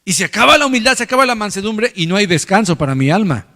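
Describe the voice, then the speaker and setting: A man's voice: sits high, sing-song, fast, pushed and bright, long reverb tail. A man preaching a sermon as pastor, in a conversational way with many repeated words. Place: church hall.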